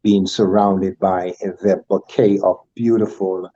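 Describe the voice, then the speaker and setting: An older man speaking as a guest over a muffled video call. His voice sits low and mellow. He talks in ornate, churchly phrases, stopping often to restart. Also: little pitch movement, slow pace, no room sound. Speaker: guest speaker, school alumnus. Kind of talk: formal online panel talk.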